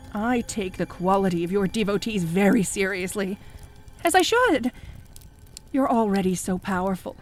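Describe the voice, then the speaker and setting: A woman playing a fanatical, jealous cult high priestess in an audio role-play, fawning and pleading with stammering devotion. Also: a little mellow. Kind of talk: scripted audio role-play addressed to the listener.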